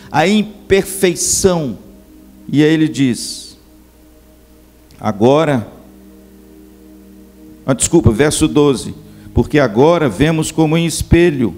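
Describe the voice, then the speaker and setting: A man's voice: a little high, darkish tone. A middle-aged male pastor preaching a sermon at a church camp, speaking to his listeners as brothers. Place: church camp meeting hall.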